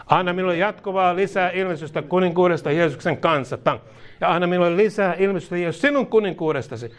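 A man's voice: high voice, clean tone. A man leading a charismatic prayer, repeating each phrase and declaring commands, with bursts of speaking in tongues. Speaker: prayer leader.

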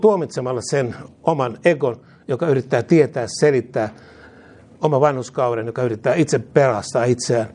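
A man's voice: medium pitch, a little mellow, breathy edge. A male preacher giving an earnest sermon and leading prayer line by line for the congregation to repeat. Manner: earnest, leads prayer phrase by phrase. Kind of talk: sermon with call-and-response prayer.

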